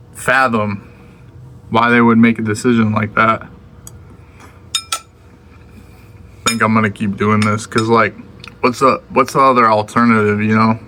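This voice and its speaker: A man's voice: lowish voice, fairly bright tone. A young man chatting casually to the camera in a laid-back, slangy way, sometimes talking with his mouth full. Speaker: vlogger. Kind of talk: casual vlog chat.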